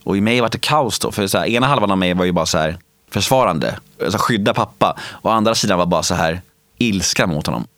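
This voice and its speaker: Low-voiced man speaking haltingly. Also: animated, a bit bright, dry recording. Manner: halting, many fillers and restarts. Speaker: interviewee. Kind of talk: candid personal interview.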